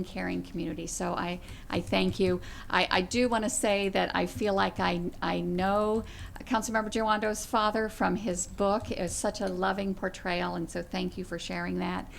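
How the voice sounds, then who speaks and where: A woman giving heartfelt, halting remarks at a council session, thanking the community. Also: mid-range voice, fairly even intonation, creaky, a little hiss or hum.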